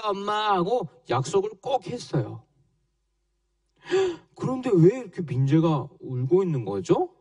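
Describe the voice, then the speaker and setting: A man, a children's pastor, telling a Bible story in a slow, animated way to young children. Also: high-pitched, no room sound, studio quality, distant mic. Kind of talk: children's sermon.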